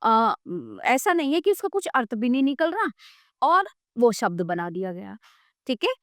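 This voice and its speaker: A woman's voice: a little high, big pitch swings, moderate pace, dry recording, clean studio sound. A woman teacher explaining a grammar book, sounding out letters one by one and often checking that the listener follows.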